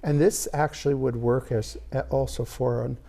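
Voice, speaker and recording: A man's voice: medium pitch, steady tone, moderate pace, gravelly, warm tone. A man hosting a casual chat with a guest, making admiring remarks about antique doll clothing. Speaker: host.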